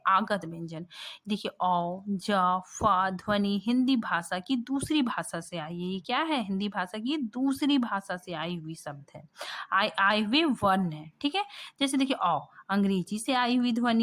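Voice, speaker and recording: A woman's voice: mid-range voice, fairly bright tone. Woman teaching grammar off slides, keeps asking if you got it, lots of ums, patient. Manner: checks in constantly with "ठीक है?", rising; patient, repeats points, thinks aloud with fillers. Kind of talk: grammar lesson explaining slides.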